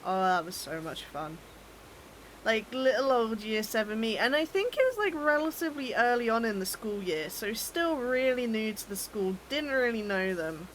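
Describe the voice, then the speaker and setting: A woman's voice: a little high, animated, moderate pace, a little hiss or hum. Chatty British woman streamer, teasing. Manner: chatty, teasing, laughs often, stumbles and repeats words. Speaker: game streamer. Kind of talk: casual chat while gaming, reading chat.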